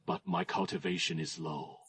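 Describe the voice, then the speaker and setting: A man's voice: on the high side, wildly swooping pitch, moderate pace, gravelly, fairly bright tone, breathy edge, no echo, full character voice. A man voicing a reluctant, mildly sarcastic Taoist monk in an anime dub. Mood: reluctant, dry.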